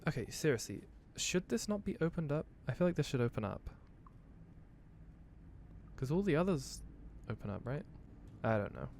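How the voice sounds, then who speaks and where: A man's voice: fairly high pitch, sing-song, normal speed, gravelly, pauses often, darkish tone, a little hiss or hum. A man giving let's play commentary, thinking aloud in a hesitant way and easily startled. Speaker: gamer.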